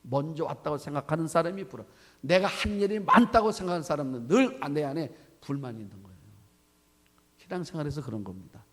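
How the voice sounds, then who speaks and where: A man's voice: on the high side, expressive, fast talker. A male pastor preaching a sermon, telling a story and putting questions to the congregation. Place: church sanctuary. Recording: long church reverb.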